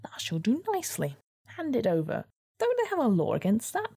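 A woman's voice: a little high, huge pitch swings, a little fast, mellow, breathy edge, no room sound, studio quality, voice pushed up, full character voice. A woman voicing a sarcastic, endlessly grumbling weasel in a storybook adventure, ranting in weaselly mock politeness. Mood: sardonic grumbling. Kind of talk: storytelling character voice.

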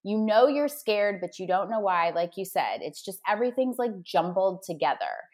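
As a podcast guest, a woman coaches listeners with upbeat, motivational energy, walking through her advice step by step in a casual, conversational way. Her mid-range, darkish voice moves at normal speed with big swings in pitch.

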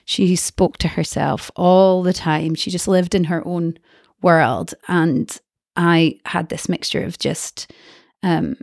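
A woman's voice: lowish voice, slow pace, vocal fry, darkish tone, no echo, studio quality. A woman with a Glaswegian Scottish accent, telling her personal story in a hesitant, reflective way in conversation. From Glasgow, Scotland. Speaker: interview guest.

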